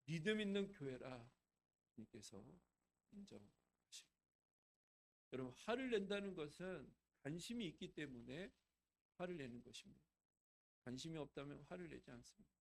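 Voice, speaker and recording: A middle-aged man, a pastor, preaching a sermon in a conversational way, asking the congregation questions and swinging from hushed to loud. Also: fairly high pitch, animated, normal speed, vocal fry, pauses often.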